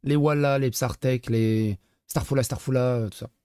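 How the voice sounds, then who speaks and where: A man's voice: medium pitch, fairly even intonation, normal speed, warm tone, smooth. A man streaming live, reacting to clips with sarcastic, mocking asides and reading chat messages aloud. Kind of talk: casual live-stream commentary.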